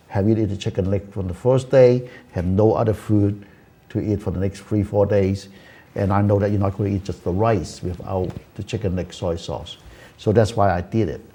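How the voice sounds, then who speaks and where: A man's voice: fairly low pitch, warm tone, slightly rough. A man in his seventies, born in Hong Kong, hosting a talk show and telling a personal story earnestly, with many "you know"s and "uh"s. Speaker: host. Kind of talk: casual chat. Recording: community access TV studio.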